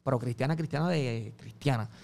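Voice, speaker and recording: A man with a Puerto Rican Spanish accent, a guest telling animated stories in an interview and acting out the voices of the people in them. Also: mid-range voice, fairly quick, creaky. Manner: acts out quoted voices, swings loud and soft. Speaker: music promoter and guest.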